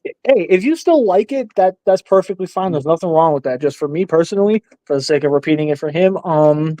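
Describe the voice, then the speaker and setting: A man's voice: high-pitched, warm tone, no room sound, poor audio. A man filling in as co-host, chatting casually in a live discussion and giving blunt, opinionated takes with frequent laughter. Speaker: stand-in co-host.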